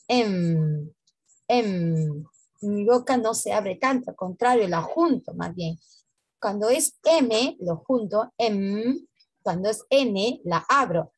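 A woman teaching English pronunciation to Spanish speakers. She draws out each letter sound slowly and ends her points with "¿no?". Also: on the high side, husky, no room sound. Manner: slow, drawn-out letter sounds, tags lines with "¿no?". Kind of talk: online pronunciation lesson.

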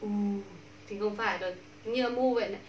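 A Vietnamese woman teaching English pronunciation to a class, drawing out model words slowly and repeating them. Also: mid-range voice, far from the mic. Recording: echoey room, voice from off mic, faint background hum.

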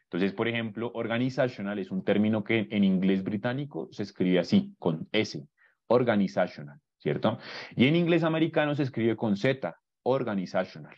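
A man's voice: fairly low pitch, lively intonation, normal speed, darkish tone, dull audio. A man giving a live webinar tutorial on database searches, explaining step by step and often checking in with "¿listo?". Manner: explanatory, repeats "entonces" and "¿listo?" to check understanding.

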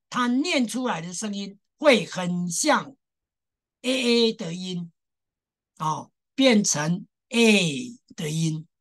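Slow, patient woman language teacher. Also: medium pitch, a bit bright. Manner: patient, repeats sounds for drilling; addresses class directly, stresses exceptions. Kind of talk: classroom lesson.

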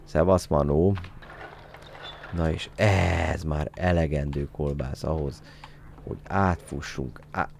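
A man giving joking let's-play commentary as a game streamer, excitably yelling at his character. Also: rumbling low, vocal fry, noisy background.

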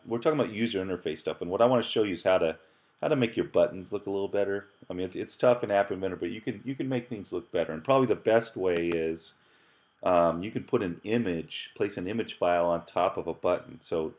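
Low-voiced man talking through a screencast. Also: a little fast, darkish tone. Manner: loose and chatty, frequent restarts and repeated words. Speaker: computer science professor. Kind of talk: casual screencast tutorial. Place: at his computer, voice-over on screen capture.

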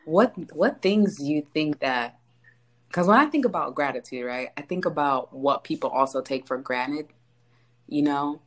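A woman's voice: sits low, moderate pace. A young woman from South Sudan co-hosting a podcast, chatting casually in an upbeat, reflective way. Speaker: podcast co-host.

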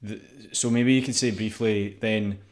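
A man's voice: on the low side, fairly even intonation, a little slow. A middle-aged man hosting a podcast from a home room on a studio mic, supportive and brief in his replies. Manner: supportive, short backchannels. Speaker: podcast host. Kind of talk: casual interview chat. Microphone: studio mic with pop filter.

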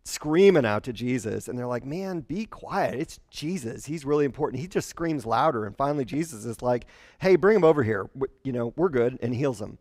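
Animated man preaching, dry close sound. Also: mid-range voice, normal speed, no echo. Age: 40s. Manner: conversational, animated, acts out quotes in character voices. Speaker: pastor. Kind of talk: sermon. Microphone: headset mic.

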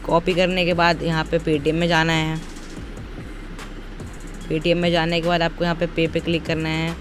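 A young man with a voice on the high side speaks in a monotone at a measured pace. He's a tutorial presenter giving an informal, step-by-step voice-over full of repetitive instructional phrasing. Noisy background sound resembling outdoor traffic surrounds him.

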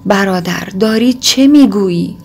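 A woman voicing a gentle, worried young man in an audiobook reading, asking concerned questions. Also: medium pitch, natural voice.

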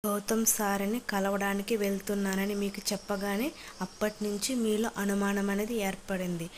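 A hurt young wife reproaches her husband, as a woman narrator reads her part. The voice sits in a middle pitch with a narrow, even contour. A faint hiss lies underneath. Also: normal speed, close to an everyday voice. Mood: reproachful. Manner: accusing, reproachful.

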